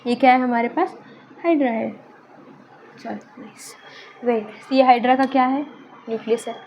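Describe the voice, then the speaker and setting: High-voiced young woman teaching biology. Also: fairly even intonation, moderate pace, a little mellow, a little hiss or hum, rough recording. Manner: chatty, mixes Hindi and English, asks and answers her own questions; self-mocking about her drawing. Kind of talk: casual online lesson.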